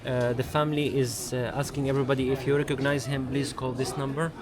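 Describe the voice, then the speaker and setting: Halting male guide amid a crowd. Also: medium pitch, level tone. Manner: halting, searching for words with many pauses. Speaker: local guide and translator. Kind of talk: translating in casual conversation. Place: outdoors in a crowded city square. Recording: outdoors amid a busy crowd.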